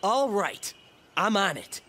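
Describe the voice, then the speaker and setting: Cocky young hedgehog game hero: high, animated, American, breezy and slangy. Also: male voice, takes it slowly, background noise, heavily acted. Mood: determined. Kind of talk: video game cutscene acting.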